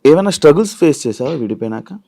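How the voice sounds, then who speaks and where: Very deep gravelly-voiced woman interviewer. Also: racing. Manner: probing, lively questions with many hums. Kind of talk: casual interview questioning.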